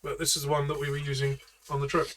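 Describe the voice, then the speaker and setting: A man's voice: a little high, monotone, racing, far from the mic, noisy background. A man narrating as game master of a tabletop game, chatty and loose, full of fillers and restarts. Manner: chatty, with frequent fillers and self-corrections.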